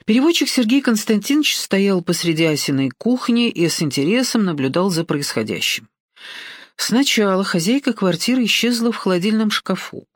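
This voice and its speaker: Woman, audiobook narrator, scripted storytelling, even pace, wry asides, dry close recording. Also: mid-range voice, moderate pace, no echo.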